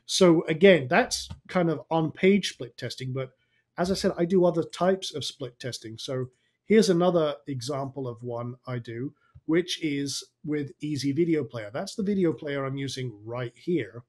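A man gives a casual on-screen tutorial in a raspy, tired voice. He talks informally, muttering his way through each step as an online marketing coach would. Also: a little high, moderate pace, a little mellow. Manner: informal, thinking aloud.

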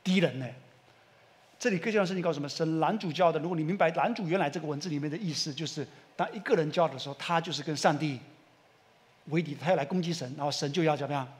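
A man's voice: fairly high pitch, fast talker. A male pastor with a Taiwanese Mandarin accent preaches a sermon, peppering it with rhetorical questions to the congregation and leading them in reading scripture aloud. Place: church sanctuary. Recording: long church-hall reverb.

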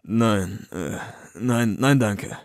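A man voicing a rattled, defensive office worker in a horror audiobook, halting and stammering. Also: fairly low pitch, no room sound, studio quality. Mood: hesitant. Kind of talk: audiobook drama acting.

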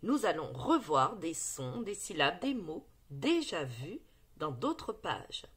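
Teacher, female, low-ish lively voice, slow and encouraging for young readers. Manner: slow, clearly articulated, encouraging. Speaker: primary school teacher. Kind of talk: slow reading lesson for young children.

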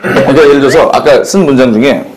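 A man's voice: medium pitch, fast, slight background noise, rough recording. A man tutoring a cast member on a comedy show, explaining patiently step by step.

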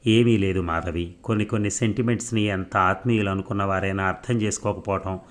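A man's voice: low-pitched, steady tone, fairly quick, lightly acted. A man voicing a coolly detached woman film star with a philosophical manner, in an audiobook novel reading. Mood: wry.

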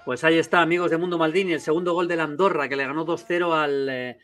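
A middle-aged man with a Castilian Spanish accent hosting football highlights, chatty and addressing viewers as friends. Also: fairly even intonation, quick pace, fairly bright tone. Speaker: host of a football channel. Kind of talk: casual highlights commentary to camera. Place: small home studio with foam panels. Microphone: close desk microphone.

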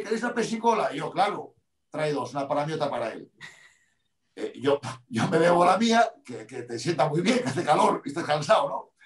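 A man, a rally driver, telling a story in an interview, acting out both sides of a quarrel. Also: a little high. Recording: roomy sound from a distant mic.

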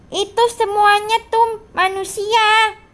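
A woman playing a stern schoolteacher man, very high voice. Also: level tone, slow, fairly bright tone, full character voice. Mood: scolding. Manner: scolding, bossy. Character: stern strict male schoolteacher. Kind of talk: game role-play voicing.

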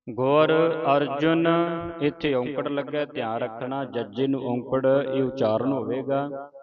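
A man with a Punjabi accent teaching the recitation of scripture, chanting each verse slowly and then explaining how it is pronounced. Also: mid-range voice, fairly even intonation, narrow, tinny audio, over loud music. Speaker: Gurbani pronunciation teacher.

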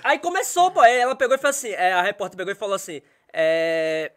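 Young guy, podcast guest, lively storyteller who acts out the other voices. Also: high voice, fast. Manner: animated, acts out quoted voices, laughs while telling. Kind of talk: casual storytelling.

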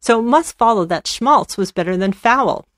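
A woman podcast host reading a folk tale aloud, with expressive storytelling. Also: on the high side, moderate pace, dry recording, clean studio sound. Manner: expressive storytelling, voices quoted characters.

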